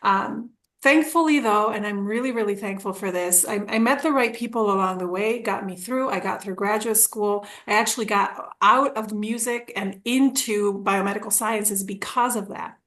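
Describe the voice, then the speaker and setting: Her mid-range, fairly bright voice moves at a moderate pace with hardly any pauses as this Argentine woman in her forties shares her story on a podcast. She's rambling and casual, restarting often and acting out quoted dialogue with laughs.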